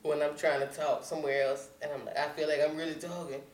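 A man's voice: fairly high pitch, flat delivery, fast, echoey room. A man co-hosting a podcast, talking bluntly and profanely in casual chat. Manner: blunt, profane, laid-back. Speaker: podcast co-host.

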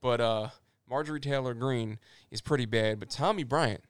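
A man's voice: mid-range voice, moderate pace, clean tone, dry recording. A man co-hosting a podcast, chatting casually with blunt, profane jokes. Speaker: podcast co-host. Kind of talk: casual comedic chat.

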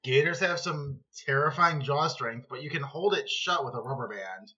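A man's voice: medium pitch, normal speed, pushed and bright. A man co-hosting a casual podcast chat, playful and teasing. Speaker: podcast co-host. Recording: dull lo-fi sound.

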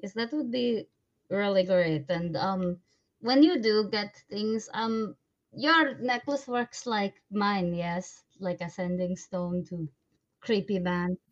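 A woman player in a tabletop game, talking in an animated, emphatic way and swearing freely. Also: medium pitch, slow. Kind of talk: tabletop game play, casual chat. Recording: dull lo-fi sound.

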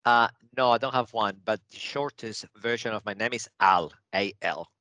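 A middle-aged man from Venezuela chats as a podcast guest, upbeat and positive in every answer. His voice sits low, and the sound is dry and close with no room around it. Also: normal speed, sharp tone, dry recording. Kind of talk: casual interview chat.

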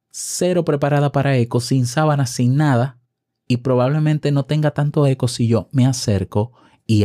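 Guy chatting on his podcast from home, relaxed mellow tone, talks right into the mic. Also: medium pitch. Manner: chatty, asks the listener questions. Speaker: podcast host. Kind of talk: casual podcast tips monologue. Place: home room. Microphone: shotgun mic held close.

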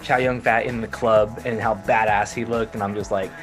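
A man's voice: lowish voice, fairly even intonation, moderate pace, faint music behind. Rambling man with a Texan accent. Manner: rambling, many fillers and restarts. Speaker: podcast co-host. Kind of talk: casual chat.

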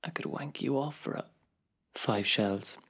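An actor playing a lewd island host who talks in a sly, suggestive way and drops into whispers. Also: male voice, medium pitch, measured pace, a bit bright, slightly rough.

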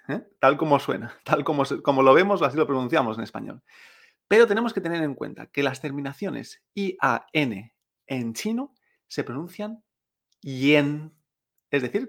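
A man's voice: a little high, vocal fry, a bit bright. A man teaching Chinese pronunciation, who explains patiently, spells out letters and checks in with the listener. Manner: patient, spells out letters and adds tag questions. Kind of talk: pronunciation lesson.

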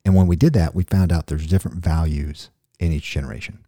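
A man's voice: sits low, fairly even intonation, fast talker, dark tone, no room sound, clean studio sound. A middle-aged man hosting a podcast in casual chat, rambling and joking off on tangents. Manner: rambling, jokey, goes off on tangents. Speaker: podcast host.

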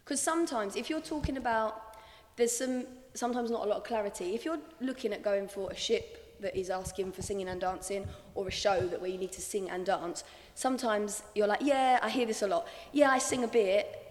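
Essex woman giving pep talk advice at a q&a, talks quick, blunt, echoey hall. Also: medium pitch, a little mellow. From Essex, England. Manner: blunt, emphatic, encouraging. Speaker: panel guest, experienced dancer giving career advice. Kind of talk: casual advice at a live Q&A.

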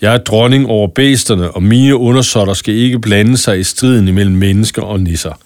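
A man's voice: on the low side, a little mellow, dry recording, clean studio sound, lightly acted. A man voicing a haughty, affected queen of the beasts in a storybook reading. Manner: affected, mocking.

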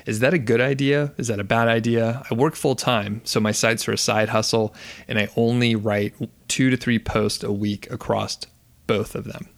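Guy hosting his podcast solo, lowish voice, chatty and laid back. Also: gravelly. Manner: casual, self-correcting, chatty. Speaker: podcast host.

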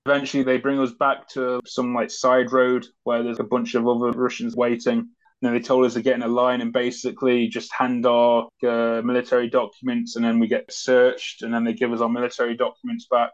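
A man's voice: medium pitch, completely flat delivery, a little fast. Man telling his story, muffled audio. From Britain. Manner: conversational, many fillers. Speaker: interview guest, former soldier. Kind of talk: recounting events in an interview. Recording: dull lo-fi audio.

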